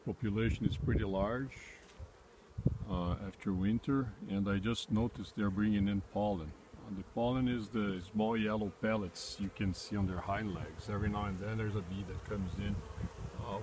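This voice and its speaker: Outdoors in his wooded backyard apiary, a man from Brazil hosts a casual walkthrough vlog about his beehives. His lowish voice keeps a steady tone at a moderate pace, but his Brazilian Portuguese-accented speech is hesitant, full of "uh" fillers and restarts. Background noise is audible.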